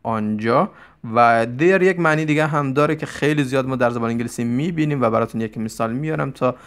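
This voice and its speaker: A man teaching English vocabulary in Persian, explaining quickly and reading each English example slowly and deliberately. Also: medium pitch, clear, resonant tone.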